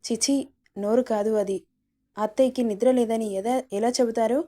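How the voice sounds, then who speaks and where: Woman doing a scolding young wife, exasperated, pleady, mellow voice. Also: a little high, fairly even intonation, moderate pace, lightly acted.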